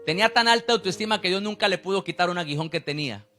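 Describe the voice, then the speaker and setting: A man's voice: high-pitched, racing, bright, forceful tone, faint music behind. A man, preaching a sermon as a pastor, who acts out the people he quotes.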